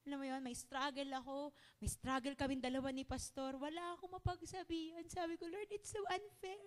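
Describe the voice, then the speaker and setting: A high-pitched woman preaching a sermon. She shares her own struggles in a confiding tone, then presses her point with earnest, fervent exhortation. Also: little pitch movement, fairly quick. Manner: confiding personal stories. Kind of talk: Taglish sermon.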